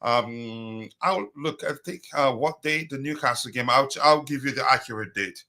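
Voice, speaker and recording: A man hosting a casual live football fan stream in a halting, repetitive way, his voice slightly strained as if he is losing it. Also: medium pitch, sharp tone.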